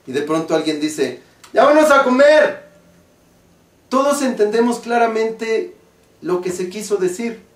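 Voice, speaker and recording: A man with a Mexican accent, an acting teacher explaining stage diction slowly and deliberately. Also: on the high side. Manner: slow, deliberate, carefully articulated explanation. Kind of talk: spoken lesson on stage diction. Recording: roomy, from a distance.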